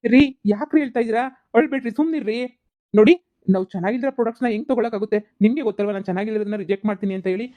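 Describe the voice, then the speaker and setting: A performer voicing a stern, fast-talking young businessman. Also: mid-range voice, warm tone, lightly acted. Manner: stern, lecturing, ends lines with "okay?". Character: strict young male businessman judging products. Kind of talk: cartoon voice acting.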